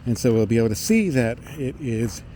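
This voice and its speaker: Man, middle-aged, mellow soft-edged tone, halting technical talk, walking outdoors, light traffic noise. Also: medium pitch, lively intonation. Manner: talking while walking along a road. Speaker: vlogger. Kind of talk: thinking aloud, technical monologue. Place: outdoors on a residential roadside. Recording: outdoor street noise, passing vehicles.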